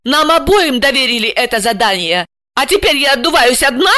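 A woman doing squeaky, flustered young Asya. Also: expressive, brisk, pushed and bright, no echo, studio quality. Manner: high, piping, pleading. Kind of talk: audiobook character voice.

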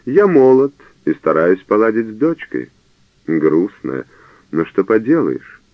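A man voicing a cornered young male priest who talks with feigned calm and snaps back, on a narrow phone-like radio recording. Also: lowish voice, measured pace, no room sound, voice pushed up. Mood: defiant.

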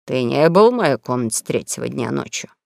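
A woman voicing a gruff, scheming old con man who poses as a king, speaking in a low menacing growl. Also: very animated, fairly quick, no echo, studio quality, exaggerated voice. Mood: suspicious.

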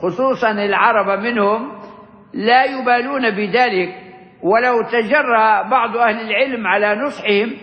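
A man with a high voice gives a measured religious lesson, pausing to explain words and phrases. He sounds far off in a large room with long reverb. The recording is dull and lo-fi. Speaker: sheikh teaching a classical text. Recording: echoey hall, dull lo-fi sound.

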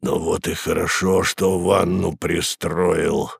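A man voicing a menacing male demon henchman who speaks in a slow, nasal, falsely intimate drawl. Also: low-pitched, level tone, vocal fry, slightly rough, no echo, clean studio sound, pitched below the performer's own voice, heavily acted.

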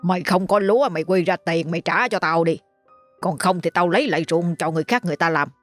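Woman voicing a stern male landlord, low voice, blunt and scolding, audio storybook. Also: quick pace, no room sound, soft background music, natural voice. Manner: blunt, scolding, talks down to others. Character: rich stern middle-aged male landlord, gruff and scornful.

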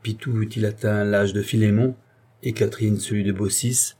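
Mellow, husky-voiced male narrator. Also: lowish voice, normal speed. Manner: steady, expressive literary reading. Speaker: audiobook narrator. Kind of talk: reading a classic novel aloud.

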